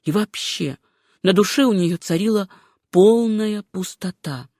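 A woman reads a novel aloud at an even, unhurried pace, her voice sitting in a middle register. The recording is dry and close, with no room sound at all, as in a studio audiobook. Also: mid-range voice, no echo. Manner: measured, unhurried reading. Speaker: audiobook narrator. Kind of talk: scripted narration of a novel.

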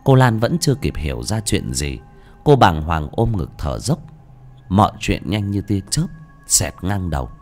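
A man giving dramatic, expressive scripted narration of a horror story. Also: deep voice, a little slow, soft background music. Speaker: audiobook narrator.

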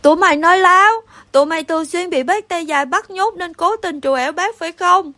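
A woman voicing a loud, hot-tempered young male guard dog who shouts and growls, in a storybook reading. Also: sits high, moderate pace. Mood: anguished shouting.

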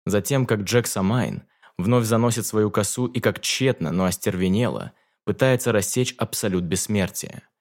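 A man narrating a fantasy audiobook in a measured, dramatic reading. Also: lowish voice.

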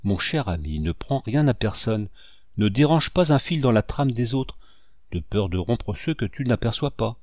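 A man voicing a gentle, grieving father in a storybook reading, earnest and tender as he lectures his nephew. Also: mid-range voice, lively intonation, normal speed, dry recording, natural voice.

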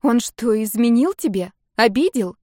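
An excitable young woman in a spoken story, teasing and direct, firing blunt questions, as a woman reader voices her. The voice sits a touch higher than the narration. The sound is close and dry. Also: moderate pace, dry recording, close to an everyday voice. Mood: anxious.

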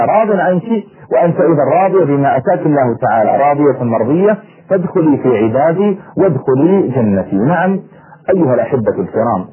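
A man preaching an impassioned sermon to his listeners, acting out the voices in the stories he tells. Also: mid-range voice. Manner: impassioned, acts out dialogue. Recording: tinny phone-like radio sound.

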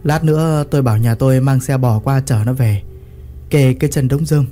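A man's voice: medium pitch, moderate pace, mellow, faint music behind, natural voice. A man voicing a thrifty, scrawny old village neighbor who muses aloud in a chatty, practical way. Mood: musing.

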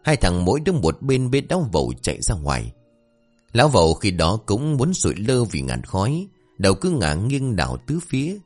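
A man tells a comic folk tale with animated, expressive delivery. His voice sits low but swings widely in pitch as he narrates. Faint music plays behind him. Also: normal speed. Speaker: storyteller.

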